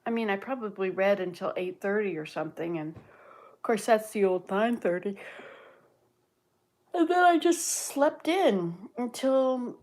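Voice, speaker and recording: Expressive and a little mellow, her medium-pitched voice moves at a measured pace. She is a Canadian woman in her late sixties hosting a relaxed livestream, musing aloud and replying to viewer comments as she reads them.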